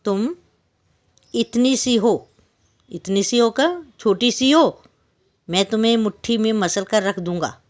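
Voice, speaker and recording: A woman's voice: lowish voice, measured pace, natural voice. A woman voicing a big, sleepy male lion who is grumpy and makes threats. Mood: threatening.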